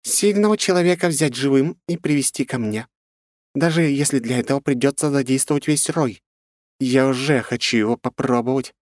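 A man's voice: mid-range voice, normal speed, dry recording, clean studio sound, pitched above the performer's own voice, lightly acted. A man putting on a cold, regal insect queen. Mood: commanding. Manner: regal, commanding. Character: cold, imperious insect queen, female, hungry for flesh.

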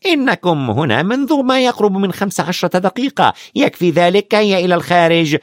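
A man reading aloud voices a strict, haughty school nurse. She speaks firmly in a raised pitch, in a dry, close storybook recording. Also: expressive, brisk, dry recording. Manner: firm and haughty. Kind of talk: audiobook character voice.

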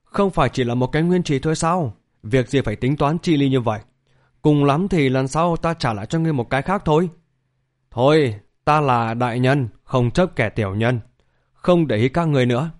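A man's voice: mid-range voice, animated, moderate pace, close to an everyday voice. A man voicing a mischievous, cowardly young cultivator who grumbles cheekily under his breath. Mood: grumbling.

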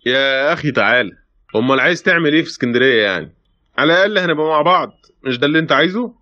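Guy acting egyptian police chief in a radio play, super fast talker, blunt n pushy, kinda muffled lofi recording. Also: fairly high pitch, expressive, natural voice. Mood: pressing. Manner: insistent, blunt, dismissive. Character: brusque, sceptical male police brigadier, pressing his case. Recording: dull lo-fi audio.

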